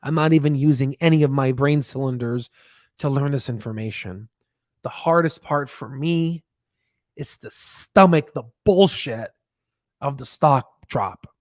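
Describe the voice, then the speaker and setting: Unhurried yet animated, a hoarse-edged host in his thirties analyzes stocks on a livestream, close to a boom podcast mic in a home studio with no echo. He stresses and repeats his points and sometimes drops into a whisper.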